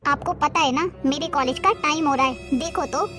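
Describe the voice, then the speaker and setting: A spoiled college-going young woman, played by a woman who bosses and mocks. Her voice is high and demanding, with clear music under it in this homemade drama. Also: moderate pace, lightly acted. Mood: mocking. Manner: demanding, mocking.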